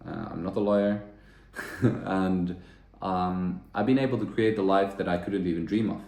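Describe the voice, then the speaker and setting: Guy talking to camera, low voice, kinda thinking out loud, echoey room. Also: steady tone, normal speed, creaky. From Finland. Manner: earnest, thinking aloud with frequent restarts. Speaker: self-development vlogger. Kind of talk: reflective monologue to camera.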